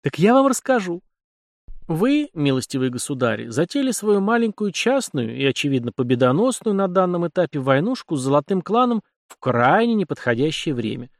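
A man's voice: a little high, big pitch swings, a little fast, dry recording, pitched above the performer's own voice. Smug polite officer, flowery and ingratiating, read by a man, dry recording. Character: smug, overly polite young male officer.

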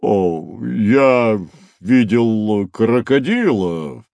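A man's voice: fairly low pitch, big pitch swings, darkish tone, dry recording, exaggerated voice. A man voicing a timid, fretful rhinoceros who sighs and mumbles anxiously in an audio drama. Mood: nervous mumbling. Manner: slow, sighing, anxious mumbling.

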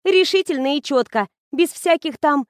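A woman reading the lines of a lively young woman student who teases her friend in an audiobook. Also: sits high, normal speed, no room sound, clean studio sound, voice pushed up. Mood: teasing. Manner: bubbly, teasing, animated.

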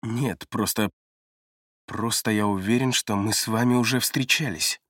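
A man's voice: fairly low pitch, steady tone, unhurried, a bit bright, no room sound. Man doing a middle-aged detective, guarded, terse, reluctant, dry sound.

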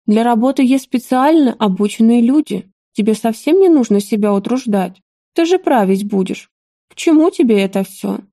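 An anxious, imperious queen mother, voiced by a woman reading an audiobook, with a soft, mellow tone in a dry, close recording. She gives orders in a firm voice and quickly turns to fearful lament. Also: a little high, expressive, no room sound. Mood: commanding. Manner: commanding, then alarmed and wailing. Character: stern royal mother, anxious and fussy.

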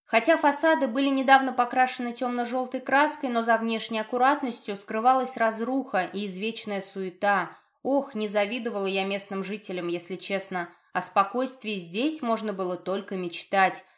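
A woman narrating a fantasy novel in the first person, in a lively, ironic storytelling tone. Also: on the high side, normal speed, hardly any pauses. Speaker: audiobook narrator.

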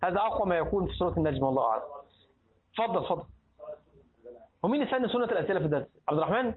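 A man's voice: high-pitched, lively intonation, rapid-fire, phone-quality sound. A man with an Egyptian Arabic accent teaching a classroom lesson on creed, often asking his students questions and prompting them to finish his sentences. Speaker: religious teacher.

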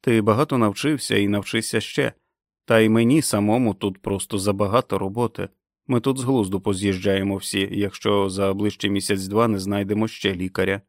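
Guy reading a steady kind doctor, lowish voice, dry close sound. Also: no room sound, lightly acted. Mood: calm, reassuring. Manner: measured, reassuring. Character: calm kindly male country doctor.

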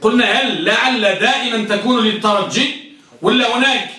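A man's voice: extremely high pitch, a little fast, bright, forceful tone, recorded from a distance. A man teaching a grammar class, quizzing his students and repeating each point until it sticks. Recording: echoey classroom recorded from afar.

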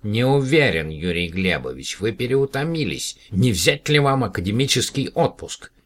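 A pompous older professor, sarcastic and condescending, as a man reads him. The voice is husky and lifted above the reader's low register. He lectures with dry irony in this storybook. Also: big pitch swings, normal speed. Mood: ironic. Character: ironic, pompous elderly male professor.

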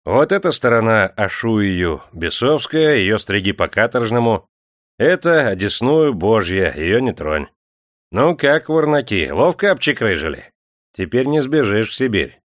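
A man's voice: on the low side, sing-song, a little slow, no room sound, clean studio sound. A man playing a bossy, barking factory clerk. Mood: commanding. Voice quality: loud, commanding, mocking.

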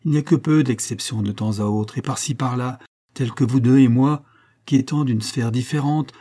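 A proud working man of about forty, read by a man. He speaks in a dark, mellow, slightly husky voice, earnest and plain-spoken. The storybook reading is steady and unhurried. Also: medium pitch, close to an everyday voice. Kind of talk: audiobook character reading.

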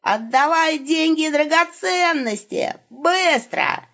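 A woman voicing a cunning, excitable male wolf who hisses and gloats, in an audiobook reading. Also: high voice, slow, highs cut off, voice pushed up, exaggerated voice. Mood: fake robber screech. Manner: hissing, hammy, gloating.

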